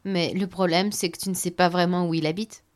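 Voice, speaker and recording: A woman's voice: fairly low pitch, steady tone, a little fast, natural voice. A woman doing a confident schoolboy. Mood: knowing. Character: confident young schoolboy friend.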